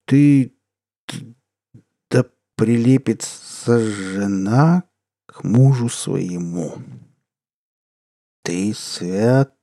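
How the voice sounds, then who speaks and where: A man's voice: lowish voice, vocal fry, warm tone, no room sound, studio quality, exaggerated voice. A man voicing a drunk, bitter middle-aged theatre director who slurs and wails. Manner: slow, tearful, wailing. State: drunk, slurring.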